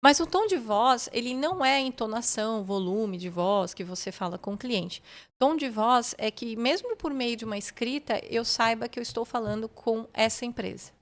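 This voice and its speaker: A woman's voice: a little high, normal speed. A woman guest on a podcast, explaining customer service methods step by step and often checking in with the listener. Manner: methodical, often tags phrases with "né?". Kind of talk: explanatory interview talk.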